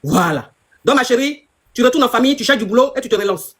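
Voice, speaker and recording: A woman's voice: a little high, lively intonation, quick pace, slight background noise. A woman with an Ivorian French accent, a life coach giving emphatic, repetitive, scolding advice to her followers in a live talk.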